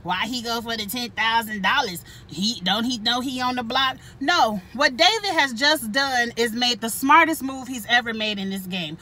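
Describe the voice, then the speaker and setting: A woman's voice: a little high, moderate pace, hardly any pauses, sharp tone. A woman hosting her own channel, giving a casual, blunt and profane commentary straight to her viewers, laughing often. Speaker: channel host reviewing a reality show.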